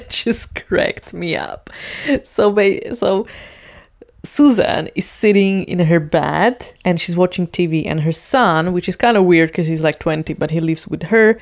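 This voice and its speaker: A woman casually retelling a TV scene, chatty and full of fillers. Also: on the low side. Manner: chatty, heavy use of fillers. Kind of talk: casual storytelling.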